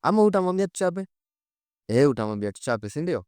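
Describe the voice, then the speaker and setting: A male host with a Kenyan accent spins animated stories to camera on a studio set, conversational and emphatic, repeating phrases and asking rhetorical questions. He speaks fast in a high, sing-song voice that is darkish, clear and resonant. The studio sound is clean, with no room sound.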